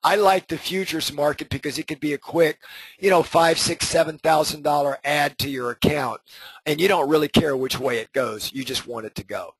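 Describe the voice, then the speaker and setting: A man's voice: a little high, normal speed, slightly rough, no echo, low-quality recording. A middle-aged man hosting a trading group, explaining trades in a casual lesson and checking in with "okay?" and "right?" as he goes. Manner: conversational, frequent "okay?" and "right?" check-ins. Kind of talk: casual market lesson over charts.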